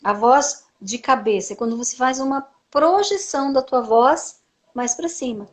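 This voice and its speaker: A woman speech therapist explains her subject step by step in a slightly high voice. She teaches by asking rhetorical questions, then answering them herself, with a steady tag question after her points. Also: normal speed. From Brazil. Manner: frequent tag "né". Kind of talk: live-stream conversation, explaining.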